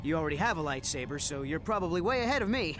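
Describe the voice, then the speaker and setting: An eager young Jedi trainee. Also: male voice, fairly high pitch, racing. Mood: eager, nervous. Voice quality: excitable, chattery. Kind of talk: video game cutscene dialogue.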